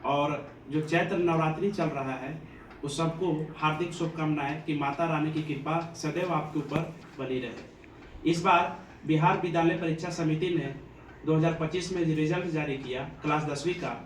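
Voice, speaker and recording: Earnest high-voiced man from Bihar. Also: steady tone, normal speed. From Bihar, India. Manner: earnest, devotional, preachy. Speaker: coaching institute teacher. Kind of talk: motivational address to students. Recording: echoey room, distant mic, faint ambient noise.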